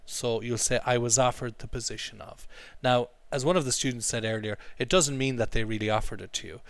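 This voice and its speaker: A man's voice: mid-range voice, steady tone, brisk, no echo. A man teaching an English class, explaining vocabulary and drilling pronunciation with repeated phrases. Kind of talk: classroom language lesson.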